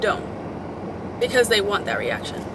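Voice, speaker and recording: Over a very noisy background, a young woman with a mid-range, sing-song voice and a slightly slow pace gives her audience casual motivational advice. She is chatty and emphatic, talking like a girlfriend and using swearing and pet names.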